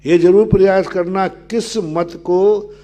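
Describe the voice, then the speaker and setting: An older man preaches slowly and unhurriedly, working through scripture for his listeners. His voice sits a little high for a man, yet its tone is mellow and dark. Now and then he sings a verse in a low, drawn-out chant. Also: fairly even intonation. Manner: asks the listeners questions and answers them himself. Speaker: Jain monk preacher. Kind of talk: sermon.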